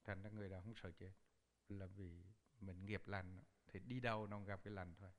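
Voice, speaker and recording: A man's voice: deep voice, a little fast. A man giving a Buddhist sermon, telling a story and acting out the quoted voices. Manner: animated storyteller, acts out quoted speech. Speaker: Buddhist teacher.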